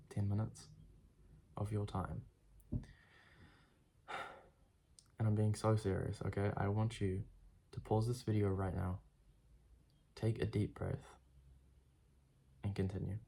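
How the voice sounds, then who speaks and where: A congested young man speaks straight to his viewers in a blunt, casual way, swearing as he goes. His low voice is gravelly with fry and sounds dark and mellow. He talks like a self-improvement vlogger giving a motivational pep talk. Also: little pitch movement, measured pace, long pauses, a little hiss or hum. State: congested from a cold. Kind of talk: direct-to-camera motivational talk.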